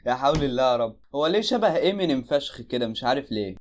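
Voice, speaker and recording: A man's voice: medium pitch, expressive, very fast, slight background noise. A man with an Egyptian accent giving casual, joking reaction commentary on videos, exclaiming in disbelief.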